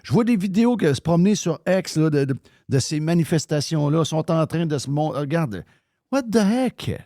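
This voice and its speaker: A man's voice: on the high side, very animated, moderate pace, mellow, no echo, clean studio sound. A man with a Québécois accent, hosting live radio talk in a heated, ranting way, swearing freely. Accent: Québécois French. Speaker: radio show host.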